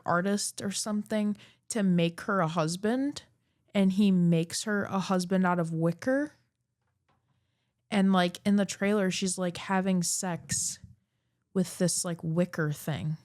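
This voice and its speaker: A woman co-hosting a podcast in casual chat, rambling with lots of fillers. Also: fairly low pitch. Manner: chatty, rambling with many fillers. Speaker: podcast co-host.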